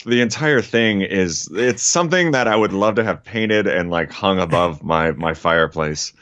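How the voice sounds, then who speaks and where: A man's voice: sits low, normal speed, no room sound. A man from Illinois, a guest on a podcast, talking casually and eagerly with many fillers. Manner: enthusiastic, animated, many fillers. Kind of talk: casual chat.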